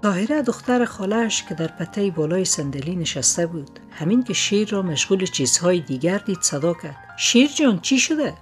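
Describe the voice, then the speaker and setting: A storyteller reading a story in a measured, descriptive way. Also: medium pitch. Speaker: narrator. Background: soft music.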